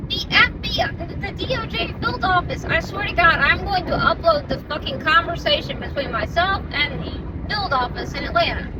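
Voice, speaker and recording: A woman's voice: extremely high pitch, expressive, normal speed, few pauses. A middle-aged woman podcast host and parent, ranting with indignation and heavy swearing in a casual monologue. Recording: distant mic with loud outdoor noise.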